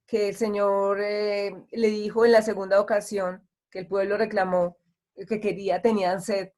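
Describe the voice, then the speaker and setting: Speaking at a medium pitch, a woman pastor delivers an online sermon in a conversational style, voicing the complaints of those she quotes.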